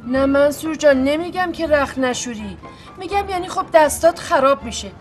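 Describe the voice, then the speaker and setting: A woman's voice: high voice, faint music behind, lightly acted. A woman playing a coaxing middle-aged wife. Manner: soothing, coaxing. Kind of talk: sitcom acting.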